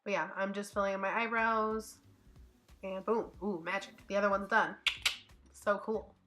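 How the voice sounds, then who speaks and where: A beauty vlogger with a cold and stuffy nose narrates her makeup tutorial in a steady, mid-range voice at normal speed. She's chatty and upbeat, thinking aloud with fillers, while faint music plays in the background.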